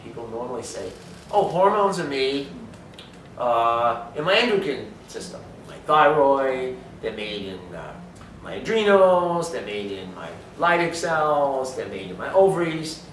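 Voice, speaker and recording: A man's voice: mid-range voice, very animated, measured pace, a bit bright, slight background noise. A man giving an emphatic health talk, lecturing and asking rhetorical questions. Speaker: speaker on supplementation. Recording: echoey room from far off.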